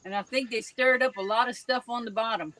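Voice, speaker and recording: A woman's voice: on the high side, steady tone, brisk, a bit bright. A woman chiming in on a casual fishing chat with short teasing remarks.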